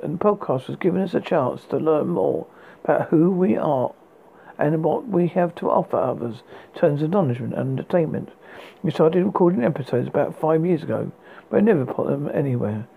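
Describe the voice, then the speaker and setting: An amateur reader narrating book extracts in a halting way, with frequent slips and restarts. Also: medium pitch, vocal fry, breathy edge. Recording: tinny phone-like sound.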